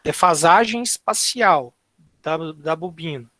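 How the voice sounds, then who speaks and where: Husky guy lecturing online, stops and restarts a lot, dry close sound, a bit high. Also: animated, pushed and bright, no echo. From Brazil. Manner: halting, fills nearly every phrase with tags and restarts. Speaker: university lecturer.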